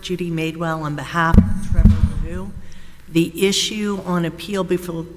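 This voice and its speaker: Brief: female attorney at an appeals podium, deliberate and formal, hesitant "uh"s, long courtroom reverb. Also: deep voice, a bit bright. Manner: measured, deliberate, with frequent "uh" pauses. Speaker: defense attorney. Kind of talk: formal appellate oral argument.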